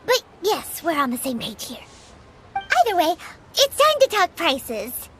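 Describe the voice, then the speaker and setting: A woman's voice: extremely high pitch, wildly swooping pitch, a little slow, fairly bright tone, a little hiss or hum, full character voice. A woman voicing a tiny, chirpy, cheeky fairy companion in an anime-style video game. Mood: chatty. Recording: game music behind the voice.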